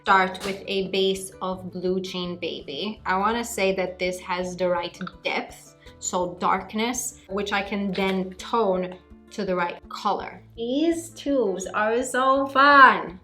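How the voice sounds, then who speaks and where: A woman's voice: lowish voice, fairly even intonation, takes it slowly, a bit bright. A woman from Malta with a Maltese accent, chatting expressively and emphatically as a beauty vlogger giving a tutorial. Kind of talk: chatty hair-dye tutorial vlog. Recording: music behind the voice.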